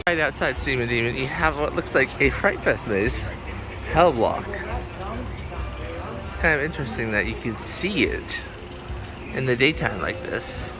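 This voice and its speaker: Man, animated pitch, casual theme park vlogger, enthusiastic and informal, outdoors, loud music behind. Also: a little slow, pauses often. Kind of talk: casual vlog commentary.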